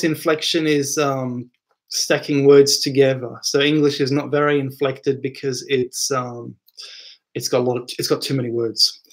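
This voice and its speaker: A man with a fairly high voice hosts a casual live stream from home. He reads viewer questions out loud from the chat and answers them off the cuff. He rambles, repeating words and dropping in fillers.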